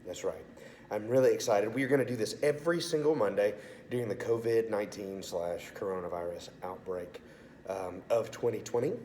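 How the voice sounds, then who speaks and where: A man's voice: on the low side, brisk, mellow, slight background noise. A man with a congested, sore-throated voice gives an upbeat, informal video message as a youth pastor. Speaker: assistant pastor of student ministry. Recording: echoey, reverberant room sound.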